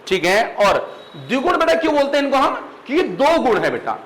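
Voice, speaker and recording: A man with a high, bright voice that swings widely as he teaches a classroom lesson. He keeps asking the students whether they follow and stretches out the letters he demonstrates. A faint hiss of room noise sits behind him. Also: rough recording. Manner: addresses students as "beta", checks understanding constantly; drawn-out syllables when sounding out letters. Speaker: Hindi grammar teacher. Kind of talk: classroom lecture.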